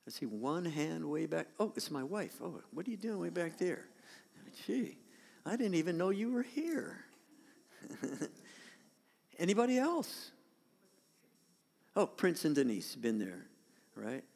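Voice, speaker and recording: A man's voice: a little high, very animated, slow, creaky, pauses often, a little mellow. A man preaching a conversational sermon to his congregation, showing pictures on a screen and restarting his sentences often. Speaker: pastor. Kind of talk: sermon with slides. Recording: long hall reverb.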